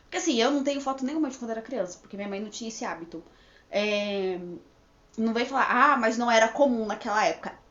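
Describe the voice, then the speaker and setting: A woman's voice: fairly high pitch, fast, fairly bright tone. A woman in her thirties chatting to camera in a rambling, casual way, with frequent restarts and check-ins. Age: 30s. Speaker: vlogger. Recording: echoey room, slightly dull lo-fi sound.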